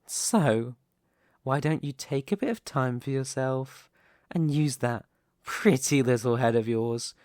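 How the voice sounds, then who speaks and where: Here the same kind of character, a scheming, possessive young mafia boss in ASMR roleplay, is played by a man speaking with theatrical, deliberate condescension. The medium-pitched voice has a slightly dark tone and a smug, coaxing mood, lightly acted and captured dry at studio quality.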